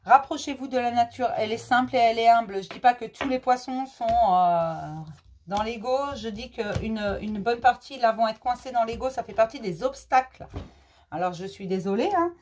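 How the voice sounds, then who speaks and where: This is a woman reading tarot for a star sign, and her voice is going hoarse. Her pitch sits a little high. She drops to a murmur each time she repeats her request to the cards. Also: normal speed, slight background noise. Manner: softly repeats invocations to the cards between readings. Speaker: tarot reader.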